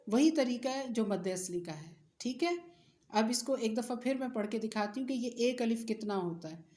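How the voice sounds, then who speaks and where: A woman's voice: a little high, animated, normal speed, dark tone, reverberant. A woman teaching tajweed with a Pakistani Urdu accent, explaining patiently and drawing out example words. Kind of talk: recorded recitation lesson.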